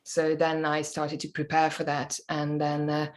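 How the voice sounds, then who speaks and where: In a casual podcast interview, an actor from Hungary who speaks Hungarian as her first language talks in a low, monotone voice at a measured pace. She comes across as thoughtful, pausing to find her words.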